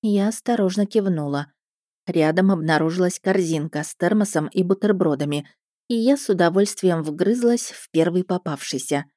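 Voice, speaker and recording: Low-voiced woman reading a story. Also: moderate pace, dry recording, studio quality. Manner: lively, expressive reading. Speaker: audiobook narrator. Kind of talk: first-person story narration.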